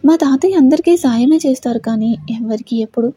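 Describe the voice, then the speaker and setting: An anxious, protective young brother in an audio story, as a woman narrator puts him on, firing off worried questions. The voice is mellow and husky and sits slightly high. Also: fairly quick, dry recording, clean studio sound.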